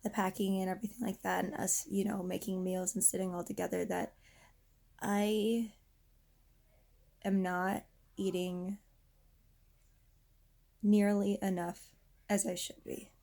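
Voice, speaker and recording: Hoarse girl venting on camera lying down, kinda rambly, mellow fry-ish voice. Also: medium pitch. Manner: lying down, rambling with many restarts. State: losing her voice, hoarse. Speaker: vlogger. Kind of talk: casual vent vlog.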